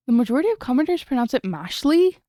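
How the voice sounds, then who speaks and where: A woman's voice: high voice, mellow, no room sound, clean studio sound. A young woman chatting casually on a late-night stream, giggly and rambling, often trailing off and restarting.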